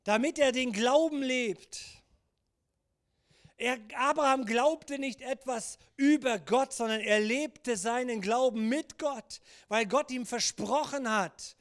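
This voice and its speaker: A pastor preaching a church sermon in an earnest, urging way, dropping low and soft when he speaks God's words. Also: takes it slowly. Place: church service.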